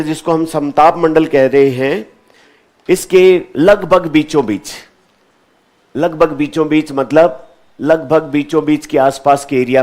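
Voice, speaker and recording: A man with a somewhat high voice gives a classroom lecture. He keeps asking questions and answering them himself, and he repeats each key term more than once. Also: darkish tone. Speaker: teacher.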